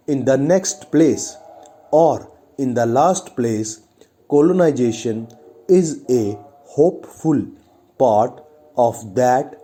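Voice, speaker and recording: A man dictating a reading exercise in short measured phrases, pausing between word groups and announcing the stops. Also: medium pitch, dark tone, slightly rough.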